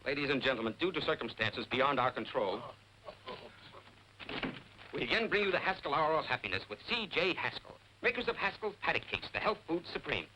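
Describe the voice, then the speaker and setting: An actor playing a formal radio announcer in a 1940s film. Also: male voice, a little high, very animated, fairly quick. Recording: noisy 1940s film soundtrack.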